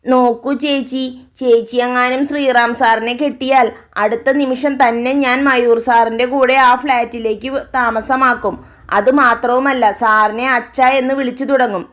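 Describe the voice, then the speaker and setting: A woman's voice: high-pitched, steady tone, normal speed, pitched above the performer's own voice, close to an everyday voice. A woman voicing a stubborn, emotional teenage daughter who talks in a pleading, sulky way. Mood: defiant.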